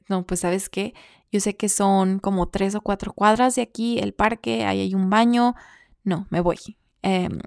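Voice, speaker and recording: Woman, casual storytelling, reflective, frequent laughs, middle pitch, dry close sound. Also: a little mellow, dry recording. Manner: chatty, reflective, laughs between phrases; acts out her own past thoughts in quotes. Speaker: vlogger.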